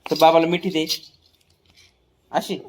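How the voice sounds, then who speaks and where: A man's voice: fairly high pitch, steady tone, slow, slight background noise. A man, a father filming a casual family vlog, talking with playful teasing and coaxing to his small son.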